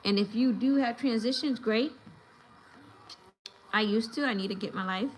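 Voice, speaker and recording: Woman, 30s, from New York, casual livestream host, slightly high voice, rambling advice, faint room noise. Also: moderate pace, low-quality recording. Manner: chatty, advice-giving, acts out voices in anecdotes. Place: home.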